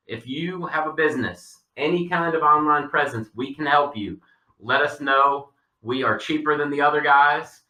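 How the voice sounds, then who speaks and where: A man with a deep Southern US accent, chatting casually as a podcast co-host. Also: moderate pace, sharp tone. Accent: Southern US drawl. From Long Island, later North Carolina. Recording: roomy echo, distant mic.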